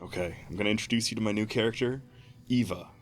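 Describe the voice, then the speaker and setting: Chuckling frequently, this playful, amused man talks his co-host through a tabletop character build in casual conversation. His voice is fairly low and his delivery fast.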